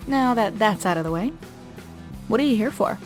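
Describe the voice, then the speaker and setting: A woman's voice: fairly high pitch, lively intonation, moderate pace, darkish tone, soft background music, natural voice. A woman voicing a tough, battle-hardened former military general in a video game, with a dry, direct and joking manner. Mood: matter-of-fact. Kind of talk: video game character dialogue.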